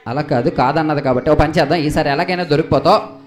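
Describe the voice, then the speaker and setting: A young man with a high voice leads a comic stage skit. He fires questions at his partner with lively exasperation and turns to the live audience now and then. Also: quick pace, some chatter behind. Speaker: skit host and straight man.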